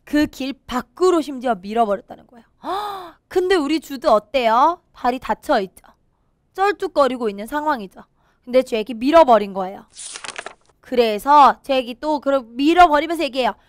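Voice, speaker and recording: High-voiced woman teacher, animated storybook lesson, explains word by word. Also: moderate pace, no room sound, studio quality. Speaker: English teacher. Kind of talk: storybook read-aloud lesson.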